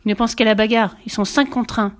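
A woman's voice: a little high, fairly even intonation, brisk, close to an everyday voice. A woman voicing a sensible, anxious young boy, worried and indignant, in a storybook reading.

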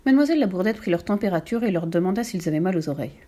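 A woman reading a children's story aloud in a calm, measured way. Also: fairly low pitch.

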